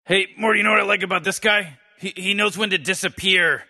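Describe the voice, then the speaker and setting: High, creaky, and bright, the man's forceful voice races along in a heavily acted turn as a cynical old mad scientist. He mocks game characters with sardonic, rambling sarcasm, stammering into restarts and barking insults for comedic effect.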